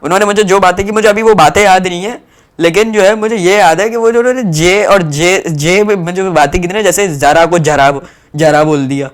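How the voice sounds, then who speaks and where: A young man from Pakistan, telling a travel story to camera in a rambling, animated way with lots of fillers. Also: high-pitched, quick pace.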